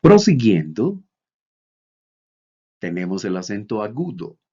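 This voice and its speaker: A man from Bolivia giving a recorded lecture, reading out examples slowly and deliberately. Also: fairly low pitch, big pitch swings, warm tone, breathy edge. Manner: slow, deliberate, reads out examples. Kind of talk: recorded lecture on Greek accents. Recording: dull lo-fi recording.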